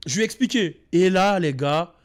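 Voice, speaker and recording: Man, high voice, casual storytelling, slangy, animated, repeats himself. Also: moderate pace. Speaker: host.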